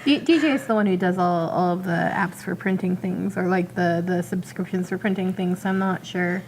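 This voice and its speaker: A woman's voice: fairly low pitch, steady tone, fairly quick, a little mellow, slight background noise, poor audio. A woman chiming in on a livestream from further away than the microphone.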